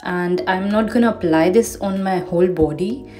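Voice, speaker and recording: A mellow, fairly low-pitched voice at a moderate pace belongs to a young beauty vlogger in her twenties. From her bathroom at home, she gives a chatty, product-loving voice-over of her shower and skincare routine while faint music plays.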